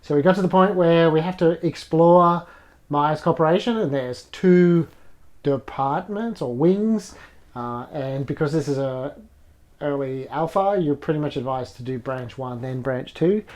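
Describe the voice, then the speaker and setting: A man's voice: a little high, a little slow, darkish tone. A man casually chatting and reading game text aloud during a let's play. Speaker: game player.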